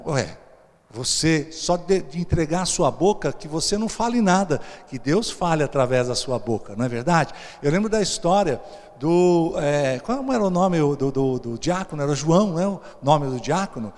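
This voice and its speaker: A Brazilian man preaches from the pulpit with a fairly high voice. He tells his story as if chatting and keeps asking the congregation questions, and a long reverb from the church hall trails each phrase. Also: expressive, normal speed, darkish tone. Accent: Brazilian Portuguese. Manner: conversational, asks the audience questions often. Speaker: pastor. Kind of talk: storytelling sermon. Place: church service.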